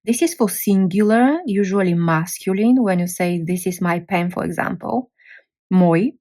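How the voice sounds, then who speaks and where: A woman's voice: mid-range voice, moderate pace, darkish tone. A woman teaching a language lesson, sounding out letters and syllables one at a time. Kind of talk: slow, careful language lesson.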